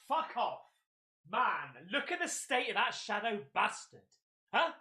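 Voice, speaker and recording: A British man hosting a reaction video with loud, matey lad banter. His bright, forceful voice swoops widely as he swears and gets excitable, casual and blokey throughout. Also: high-pitched, measured pace.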